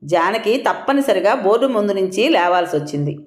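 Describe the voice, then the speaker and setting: Female storyteller for a scripted family audio drama; expressive, animated delivery, roomy sound. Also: medium pitch, fairly quick. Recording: roomy echo.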